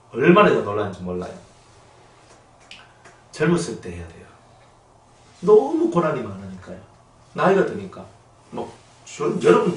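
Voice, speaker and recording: A male pastor with a Gyeongsang accent delivers a sermon with a folksy, teasing delivery. His pitch swings widely, and he sounds set back from the mic in a roomy, echoing space. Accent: Gyeongsang Korean. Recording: echoey room, distant mic.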